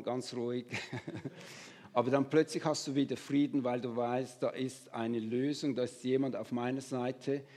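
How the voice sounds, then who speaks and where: A man's voice: mid-range voice, mellow, big-room sound. A man preaching a sermon as pastor, speaking in an earnest, conversational way and addressing listeners directly.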